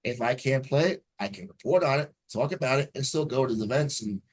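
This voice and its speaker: With a brisk pace and medium pitch, a forty-something radio news anchor from New Jersey recounts his story as an interview guest. He comes across upbeat and fluent on the video call.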